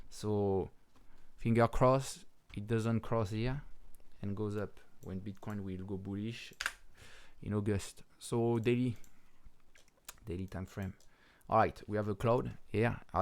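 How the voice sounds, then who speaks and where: A man with a French accent and French as his first language, talking through crypto charts in a casual, halting way with many pauses and restarts, and swearing bluntly now and then. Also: fairly low pitch, a little mellow, clean tone. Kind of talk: casual market commentary over charts.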